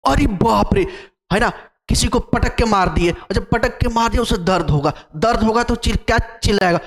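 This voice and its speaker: Male teacher, high voice; drills exam terms, quizzes the class, stretches vowels to demonstrate. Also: fairly bright tone, big-room sound. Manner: repeats key terms and quizzes the class with questions; draws out vowel sounds to demonstrate length. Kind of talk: exam-prep lecture.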